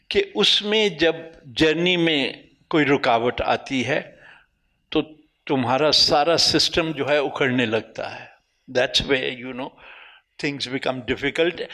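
Fast-talking older North Indian man. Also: on the high side, fairly bright tone. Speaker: panel guest. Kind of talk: reflective panel talk mixing Hindi and English.

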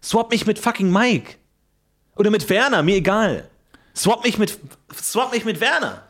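A man's voice: high-pitched, lively intonation, unhurried, a bit bright. Playful male podcast co-host. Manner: playful, pleading, joking. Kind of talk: improvised comedy podcast chat.

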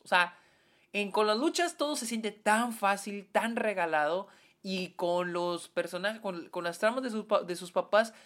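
A woman with a Mexican accent giving a casual film review, slangy and animated, with many filler words. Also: mid-range voice.

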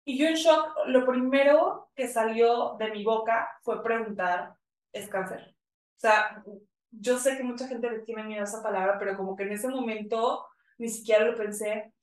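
A woman tells a personal story during a casual chat, speaking as a guest at a moderate pace in a rather high voice. She sounds far from the microphone in an echoey room, and her emotional retelling is packed with fillers and quoted dialogue.

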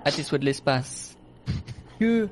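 A man running a tabletop role-playing game as game master, with measured, mock-formal phrasing. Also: fairly high pitch, expressive, heavy background noise.

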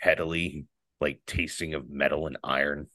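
A man's voice: extremely low pitch, steady tone, normal speed, a bit bright, dry recording, studio quality. A man co-hosting a podcast, chatting casually over beers, laid-back and swearing freely. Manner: laid-back, swears a lot, laughs easily. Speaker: podcast co-host. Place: borrowed house, indoors.

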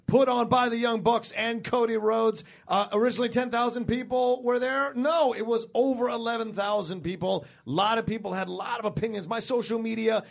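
A man's voice: very high voice, steady tone, brisk, gravelly, few pauses. A man hosting a recap show in a casual, chatty style. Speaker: wrestling recap show host. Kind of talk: casual show presenting and chat.

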